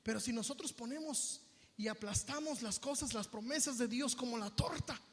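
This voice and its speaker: A man with a Mexican Spanish accent preaching a sermon as pastor, emphatic and swinging from hushed to loud. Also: very high-pitched, normal speed. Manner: emphatic preaching that swings from hushed to shouted, acting out voices of others. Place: church sanctuary. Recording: long reverb of a church hall.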